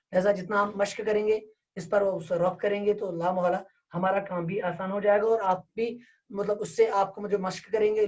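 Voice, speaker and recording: Male Tajweed tutor, halting and repetitive as he dictates, heard off-mic through a muffled line. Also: high voice, a little mellow. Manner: dictates slowly, repeating key terms for note-taking; hesitant, with drawn-out fillers. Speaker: Quran recitation teacher. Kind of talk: online Tajweed class. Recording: distant, dull lo-fi online class audio.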